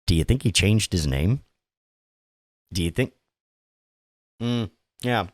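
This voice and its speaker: A man's voice: deep voice, expressive, slow. A man hosting a podcast, giving sardonic, profane commentary on news items with frequent stumbles and restarts. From Virginia. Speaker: podcast host. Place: home studio.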